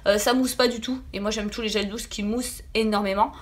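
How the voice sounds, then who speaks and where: A woman's voice: mid-range voice, fairly even intonation, a little fast. A woman with a lisp and slushy s sounds, sounding slightly sick, chatting casually and emphatically as she reviews beauty products to viewers. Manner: emphatic, repeats words for stress. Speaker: beauty vlogger.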